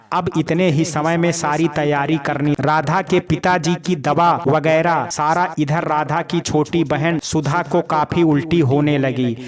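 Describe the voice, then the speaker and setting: Man narrating a family drama story. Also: on the high side. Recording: crowd noise in background.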